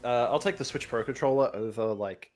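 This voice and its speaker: A man casually chatting with a co-host while playing a video game, swearing freely and giving animated opinions on game tech. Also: medium pitch, fairly quick, soft background music. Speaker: co-host of a gaming playthrough.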